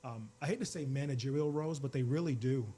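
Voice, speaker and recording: A man in his forties, a college department chair, talking in a relaxed interview with fillers. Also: mid-range voice, fast, breathy edge. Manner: warm, relaxed storytelling with fillers. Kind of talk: casual interview talk.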